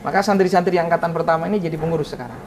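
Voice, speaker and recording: Earnest man telling an emotional story. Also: rapid-fire. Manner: earnest storyteller, voice rising high when recalling prayers. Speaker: ustadz guest. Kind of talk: emotional personal story in an interview.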